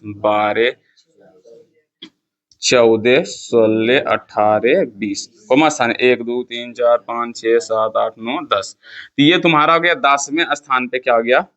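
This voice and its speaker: A man's voice: medium pitch, bright, forceful tone. A male math teacher with a Bihari Hindi accent, lecturing a class. He asks questions, answers them himself and counts through the steps. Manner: counts step by step, repeats key terms.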